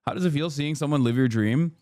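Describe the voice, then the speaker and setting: A man's voice: fairly high pitch, fast talker, mellow, dry recording, clean studio sound. A man in his thirties who grew up in Turkey, rambling and joking through casual, profane reaction commentary. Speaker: streamer reacting to clips.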